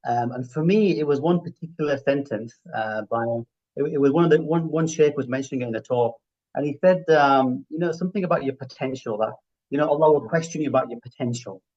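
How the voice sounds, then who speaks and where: Low-pitched Yorkshire man, dull lo-fi audio. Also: brisk. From Yorkshire, England. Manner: reflective, often seeks agreement with "right?". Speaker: interview guest, healthcare finance professional. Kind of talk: conversational interview answers.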